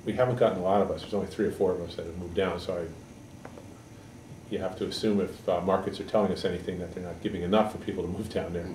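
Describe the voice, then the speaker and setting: A man in his sixties from Connecticut, a political candidate giving halting, measured answers in an editorial board interview. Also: low-pitched, steady tone, darkish tone. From Connecticut, USA. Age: 60s. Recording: echoey room, mic far off, background noise.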